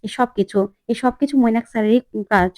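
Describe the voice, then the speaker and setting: A woman voicing a defiant, sharp-tongued young woman in a retold TV serial, full of challenging questions. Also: fairly high pitch, fairly quick, dry recording, natural voice. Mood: earnest. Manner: challenging, sarcastic.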